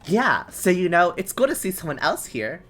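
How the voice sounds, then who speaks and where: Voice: mid-range voice, big pitch swings, moderate pace, fairly bright tone, faint music behind, pitched above the performer's own voice. A streamer voicing a polite, eager neighborhood boy who keeps trying to be friendly. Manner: cheerful, trying to stay friendly. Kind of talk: voicing a character in a story game.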